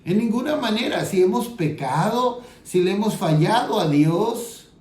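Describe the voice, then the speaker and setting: A man with a Mexican Spanish accent preaching an earnest sermon as pastor, reading scripture aloud and slowing down for emphasis. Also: high voice, expressive, darkish tone, reverberant.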